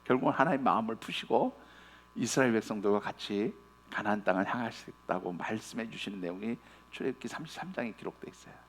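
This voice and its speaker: Earnest Korean pastor preaching. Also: male voice, fairly low pitch, fast talker, breathy edge. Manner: earnest, addresses congregation directly; retells scripture in casual speech. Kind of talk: sermon.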